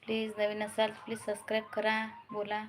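A woman's voice: medium pitch, completely flat delivery, fairly quick, a little hiss or hum. A woman from Maharashtra with a Marathi accent, hosting a casual live stream, greeting viewers by name and urging them to like and subscribe. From Maharashtra, India.

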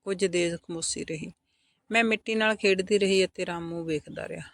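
A woman with a Punjabi accent narrating a first-person story in a soft, intimate scripted delivery. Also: on the low side, steady tone, normal speed, no echo.

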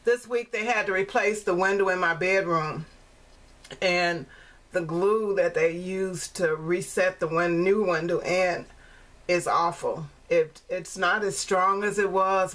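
A woman in her sixties showing her handmade card in a chatty vlog, repeating herself and filling pauses with ums. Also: on the low side, fairly bright tone. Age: 60s. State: coughing, choking on fumes. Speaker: crafting vlogger. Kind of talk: casual show-and-tell vlog.

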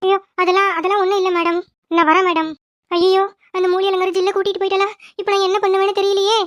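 A woman's voice: extremely high pitch, little pitch movement, fast, fairly bright tone, no room sound, clean studio sound. A woman voicing a frantic, anxious mother in a cartoon, pleading and wailing in panic. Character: frantic anxious mother, later a scheming grandmother. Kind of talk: cartoon voice acting.

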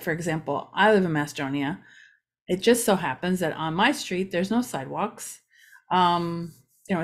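A middle-aged woman, chatting through a casual local news vlog with joking asides. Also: mid-range voice. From Ohio, USA.

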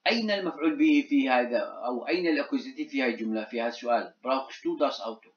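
A man teaching a German grammar lesson, often checking in with a quick "ha?" and saying the example sentences slowly. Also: medium pitch. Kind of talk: explaining grammar exercises. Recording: dull echoey room.

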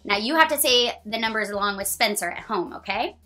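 Reading aloud from a children's picture book, a woman in her thirties uses a mid-range voice over faint background music. She is sing-song and expressive, drawing out lines and joining in the counting.

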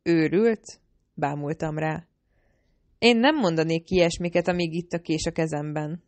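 Egy nő, aki élénken, kifejezően olvas fel egy hangoskönyvet egyes szám első személyben. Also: female voice, sits low, a little mellow, no echo. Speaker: audiobook narrator. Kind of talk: first-person audiobook narration.

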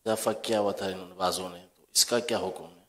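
Measured low-voiced male scholar in a hall. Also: steady tone. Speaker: religious scholar. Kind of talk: explanatory religious talk.

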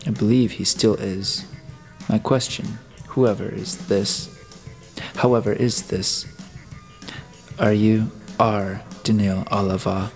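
A man voices a hard-edged, suspicious detective from Earth, firing pointed questions and snapping out orders in a low, firm, steady voice. He speaks slowly with frequent pauses, sounding blunt, commanding and probing, while soft music plays underneath.

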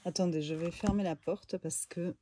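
A woman casually reviewing a tarot deck for her viewers in a room at home, relaxed and chatty, with lots of fillers and small asides. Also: lowish voice, normal speed, background noise.

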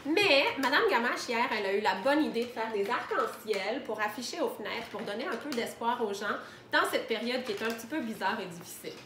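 A woman teacher reading a picture book aloud to children from home, gently explaining words as she goes. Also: on the high side, expressive, a little fast, hardly any pauses, reverberant, a little hiss or hum.

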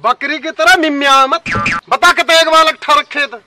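An actor playing a boastful, bossy and corrupt village police inspector in a comic sketch. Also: male voice, very high voice, fairly even intonation, normal speed. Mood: blustering. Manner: boastful, bossy, then wheedling when caught.

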